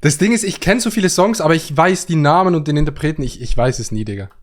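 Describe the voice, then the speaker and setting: Casual reaction voiceover: young Swiss man, slightly high voice, self-mocking and slangy, faint music underneath. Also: expressive, fast. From Switzerland. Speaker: YouTuber reacting to his own video.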